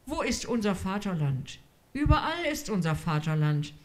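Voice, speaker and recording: A woman voicing a weary, wistful grown man, speaking low and resigned. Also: very animated, normal speed, a little mellow, lightly acted.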